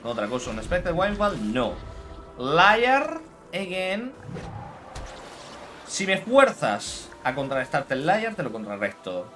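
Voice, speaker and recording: Lively man streamer. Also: mid-range voice, a little slow, faint music behind. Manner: animated, taunts the opponent, mixes in English phrases. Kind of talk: live gameplay commentary.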